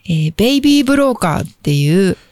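A woman's voice: medium pitch, very animated, quick pace, a little mellow, no room sound, clean studio sound. A woman co-hosting a casual advice podcast, talking in an agreeable, encouraging way. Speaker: podcast co-host who gives advice.

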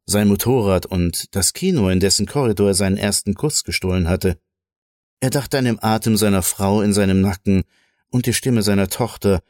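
Man, low voice, dry close sound, calm measured story reading. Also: dry recording. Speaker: narrator. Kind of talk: reading a short story aloud.

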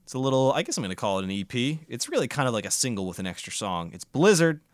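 A man's voice: mid-range voice, sing-song, quick pace, dry recording, clean studio sound. A man hosting a casual music podcast, reviewing records in an enthusiastic, profane, rambling way.

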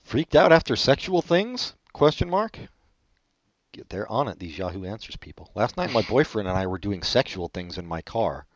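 A sarcastic Californian man with a lively voice co-hosts, reading online questions amid casual comedic banter. He cracks deadpan jokes with sudden pitch jumps at normal speed. The lo-fi audio is dull and muffled, without echo.

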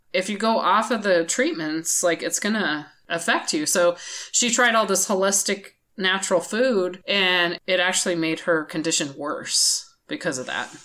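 A woman's voice: on the low side, a bit bright. A woman co-hosting a casual podcast chat, talking bluntly and indignantly, with the odd swear word. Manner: indignant, blunt, uses profanity.

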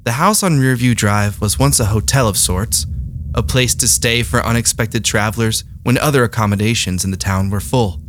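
Deadpan man narrating a spooky tale. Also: mid-range voice, a little hiss or hum. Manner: deadpan, self-mocking. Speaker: comedy podcast host. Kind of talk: deadpan spooky narration turning into a mock ghost-hunt recording.

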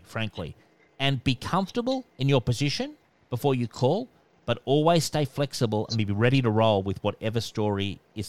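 A man with a nasal voice, a debt collection expert giving calm, instructive answers in a podcast interview. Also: mid-range voice, dry recording. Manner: calm, instructive, repeats "okay".

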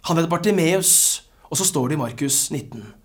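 A preacher delivering a sermon with a husky voice, swinging dynamics and phrases that fall to near-whispers. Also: mid-range voice, animated.

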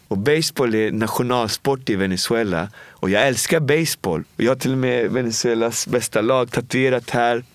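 A man's voice: medium pitch, no room sound. A man in his forties sharing a personal story in an interview, talking casually and from the heart, often quoting what people said. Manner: casual and heartfelt, with frequent filler words and quoted dialogue. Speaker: guest.

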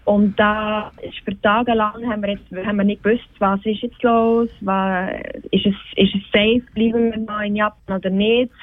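Eine Frau in den Vierzigern, live über eine dünne Telefonleitung zugeschaltet, spricht stockend und sucht nach Worten. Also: female voice, mid-range voice, level tone, normal speed, hardly any pauses, dry recording. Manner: hesitant, searching for words, many restarts. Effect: thin telephone line. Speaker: guest connected live by phone. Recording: tinny phone line, dry.

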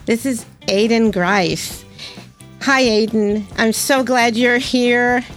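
A woman's voice: on the high side, takes it slowly, faint music behind. A woman hosting a podcast interview, chatty and enthusiastic, often laughing as she talks. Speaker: podcast host. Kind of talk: casual interview.

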